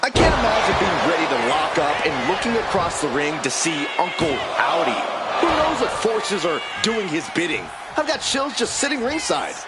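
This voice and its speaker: A man working as a wrestling commentator with a dramatic, animated delivery. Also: on the high side, moderate pace. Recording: very loud crowd and arena noise.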